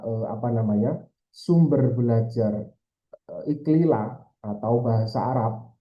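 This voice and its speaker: A man with an Indonesian accent giving an informal exam-prep lesson, hesitant, with many fillers and repeated tag words. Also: medium pitch. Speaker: Arabic language tutor. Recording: roomy, slightly dull sound.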